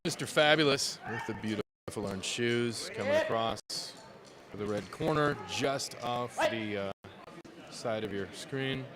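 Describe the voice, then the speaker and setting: A man commentates a live tournament in a casual, informal way, thinking aloud as he goes. His voice sits at a middle pitch, with a clearly audible crowd around him. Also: animated, measured pace. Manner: informal, thinking aloud while tracking scores. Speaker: livestream commentator. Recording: busy crowd noise, urban sports venue.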